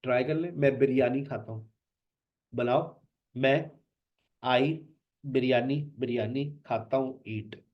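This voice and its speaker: A man's voice: medium pitch, takes it slowly, pauses often. A man teaching an online spoken English lesson, repeating words with emphasis to drill them. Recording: dull lo-fi sound.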